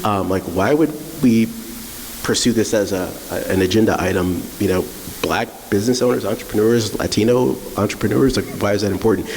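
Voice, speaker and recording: Low-voiced male panel moderator. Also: fairly quick, darkish tone. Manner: conversational, probing questions. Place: event hall. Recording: reverberant hall with faint hiss.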